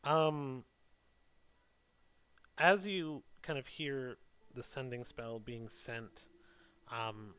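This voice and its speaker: A man's voice: medium pitch, steady tone, drawn-out words, pauses often, a bit bright, clean tone, no echo. A man narrating a tabletop game as game master, casual, explanatory and a little hesitant.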